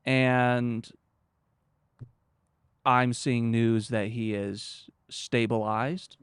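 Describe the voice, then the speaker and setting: A man's voice: mid-range voice, level tone, extremely slow, clear, resonant tone, no room sound, clean studio sound. A man interviewing someone in a conversational way, with short emphatic phrases and pointed questions.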